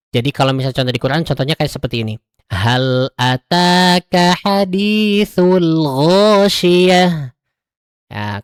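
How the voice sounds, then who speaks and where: A man teaching recitation rules in a relaxed, chatty way, asking rhetorical questions and chanting verses slowly and drawn out. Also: mid-range voice, no room sound, studio quality. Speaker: online class teacher.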